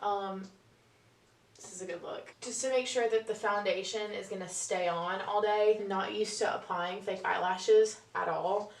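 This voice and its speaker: A woman's voice: mid-range voice, steady tone, moderate pace. Chatty young woman, noisy recording. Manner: chatty, informal, candid. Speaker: vlogger, bride-to-be. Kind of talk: casual confessional vlog chat.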